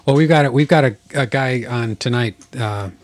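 A man co-hosting a podcast with a mid-range voice. He chats casually, chiming in with quick agreements and jokes with his co-host. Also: medium pitch. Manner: agreeable, joking, with short affirmations. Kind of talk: casual chat.

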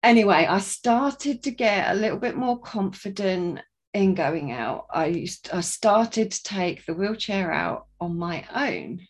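A woman's voice: mid-range voice, expressive, a little slow, slightly rough. Chatty woman telling a faith story. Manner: chatty, restarts sentences, acts out quoted voices. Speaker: guest sharing a testimony. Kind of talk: casual storytelling.

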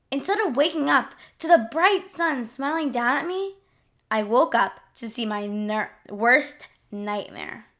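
A woman reads a first-person adventure story aloud, expressive and diary-like. Her voice is high and bright, and she takes her time over each phrase.

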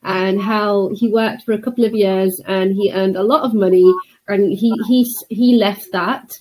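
A woman with a dark, mellow voice hosts a conversational interview. She speaks at a medium pitch and reflects at length as she leads into questions. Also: fairly even intonation, measured pace, poor audio. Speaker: podcast host and interviewer.

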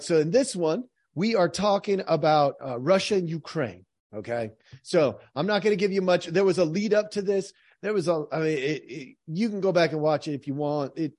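A man hosting his podcast, explaining points in an energetic, emphatic, teacherly way. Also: a little high, no room sound, clean studio sound. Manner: energetic, emphatic, teacherly, frequent "all right". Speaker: podcast host.

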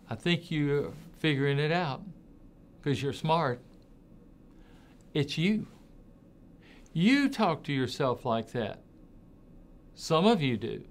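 A man hosts a motivational talk in a deliberate, earnest way. His voice sits somewhat high and he takes his time over every phrase. Now and then he slips into harsh, scolding voices to make his point. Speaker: host.

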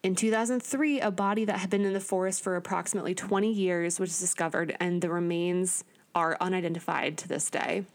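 Reading from researched notes, this podcast co-host has a lowish voice, fairly even intonation and a brisk pace. Her delivery is casual and earnest, dotted with little stumbles and side comments.

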